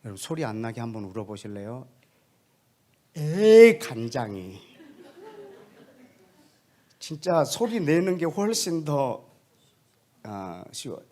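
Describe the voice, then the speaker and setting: A man preaching as a missionary, telling a story to his congregation in an animated way. He puts questions to the listeners directly and often sinks into a quiet, hushed voice for the tender moments. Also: mid-range voice, slow pace, pauses often. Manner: animated storytelling, acting out dialogue, often dropping to a soft hushed tone. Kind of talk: storytelling sermon.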